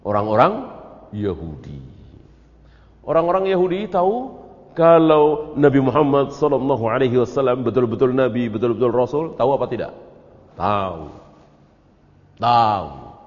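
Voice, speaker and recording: A man's voice: medium pitch, lively intonation, moderate pace, pauses often. A man teaching as an Islamic teacher in a religious study lecture, asking rhetorical questions and answering them himself. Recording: echoey hall, dull lo-fi audio.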